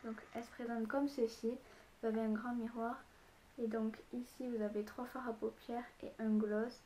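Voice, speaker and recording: Young female beauty vlogger, high-ish, mellow, gushing and chatty. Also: flat delivery, normal speed, a little hiss or hum. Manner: gushing, chatty product show-and-tell. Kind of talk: casual beauty vlog.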